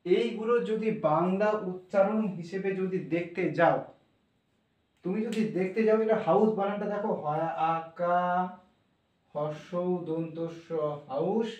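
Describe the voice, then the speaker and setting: A man's voice: sits high, darkish tone, muffled recording. A man teaching English spelling and pronunciation, spelling words out letter by letter and repeating key points as he goes. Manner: repeats phrases, pauses to check spellings. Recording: roomy echo, mic some distance away.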